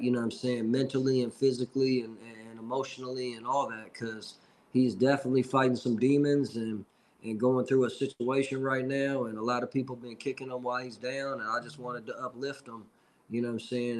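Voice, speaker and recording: A rapper from Seattle in his forties, appearing as a guest, tells stories in a loose, rambling way, frequently tossing in "you know what I mean." His voice sits at an ordinary middle pitch, and the audio quality is poor.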